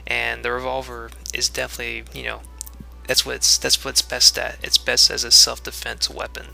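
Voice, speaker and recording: A man's voice: mid-range voice, completely flat delivery, fairly quick, creaky, pushed and bright, faint music behind. A young man giving casual commentary on his own gameplay video, rambling with many fillers and restarts and a little out of breath.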